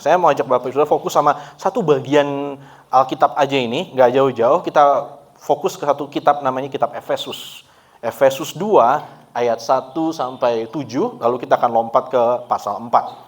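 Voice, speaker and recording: Chatty man preaching a relaxed sermon. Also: medium pitch. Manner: relaxed and chatty, laughs often, mixes in English words. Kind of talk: conversational sermon. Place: church service.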